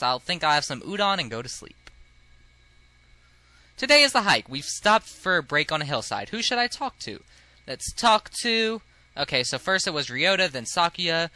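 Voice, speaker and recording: A man giving casual, chatty commentary on a game he is playing. His voice is bright and quite high, and his pitch swings a lot. The recording sounds dry and close. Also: no echo. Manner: animated, giggly and chatty. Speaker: let's play host.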